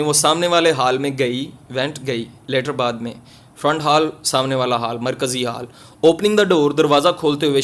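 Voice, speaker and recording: A male English teacher with a slightly high voice. He reads a story aloud in short phrases, taking his time over each one. He explains words by listing several translations in a row. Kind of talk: line-by-line reading and translation lesson.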